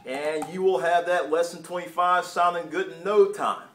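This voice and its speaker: A man's voice: high voice, normal speed, over music. Chatty male drum teacher, roomy. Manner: relaxed, chatty, scatting drum patterns aloud. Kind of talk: casual video lesson. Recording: roomy with drumming behind. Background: drumming.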